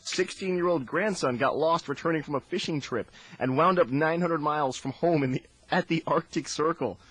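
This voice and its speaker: A man's voice: fairly high pitch, moderate pace, a bit bright, soft background music, low-quality recording. A young man in his twenties, a radio co-host who casually reads odd news stories and keeps laughing through them.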